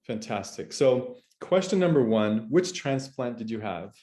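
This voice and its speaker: A man hosts a casual interview, chatty and upbeat. His voice sits at an ordinary middle pitch, and he sometimes restarts a phrase as he goes. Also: expressive, measured pace, warm tone. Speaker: host. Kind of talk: casual video-call interview.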